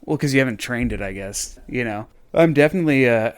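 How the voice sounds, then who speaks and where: A young man co-hosting a podcast, talking in a rambling, animated way with lots of fillers. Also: mid-range voice, quick pace, smooth. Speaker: podcast co-host. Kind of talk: casual chat.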